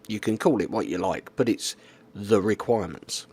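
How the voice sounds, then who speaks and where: A man's voice: on the low side, normal speed, a little mellow, breathy edge. Casual guy explaining stuff, keeps saying okay? and right, no room echo. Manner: plainspoken. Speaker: YouTuber.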